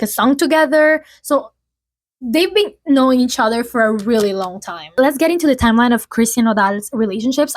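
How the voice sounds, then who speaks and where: Young adult woman, slightly high voice, casual gossipy vlog delivery full of fillers. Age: early 20s. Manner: chatty, filler-heavy, lots of "like". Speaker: vlogger.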